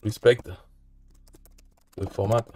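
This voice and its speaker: Low-voiced man explaining a tutorial. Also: level tone, takes it slowly, dark tone, slight background noise. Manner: hesitant, many "euh" fillers and restarts. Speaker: tutorial presenter. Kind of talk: casual screen-recorded tutorial.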